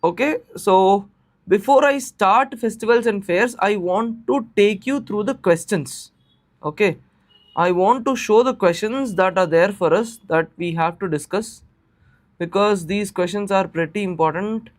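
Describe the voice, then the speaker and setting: Male online tutor, Indian accent, notably high voice, conversational explainer who repeats key phrases and asks check questions. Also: measured pace. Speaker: teacher of exam preparation class. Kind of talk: live online lesson, informal explaining.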